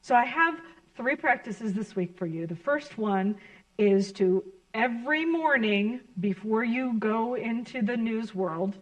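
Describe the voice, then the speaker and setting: A woman minister preaches in a fairly high voice. Her delivery is earnest and reflective, and she gently encourages her listeners as the sermon unfolds in a church gathering. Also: lively intonation, measured pace, rough recording.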